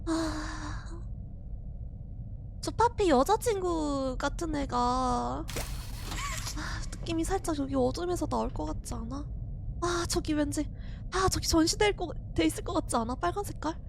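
A woman's voice: sits high, expressive, unhurried, gravelly, pauses often, slight background noise. A young woman streaming a horror game, talking herself through it, jumpy and frightened, laughing and shrieking as she plays. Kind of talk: horror game let's play commentary.

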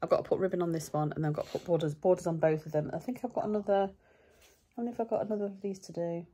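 A woman's voice: on the low side, steady tone, racing, warm tone, husky. A middle-aged woman, chatting casually and rambling through her day to a handheld camera at home. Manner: chatty, rambling, self-deprecating. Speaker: vlogger. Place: home and back garden.

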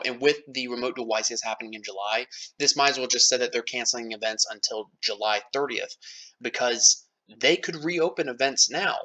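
A man's voice: medium pitch, pushed and bright, rough recording. An American man in a casual opinion rant, speaking in an irritated, blunt way with some swearing. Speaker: card game player and online commentator. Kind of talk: casual opinion rant over screen recording.

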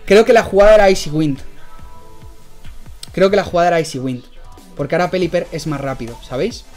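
A young man with a Spain Spanish accent, a streamer giving live commentary on his own game, excitable and chatty, breaking into high yells and laughs. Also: a little fast, soft background music. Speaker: streamer and guest instructor.

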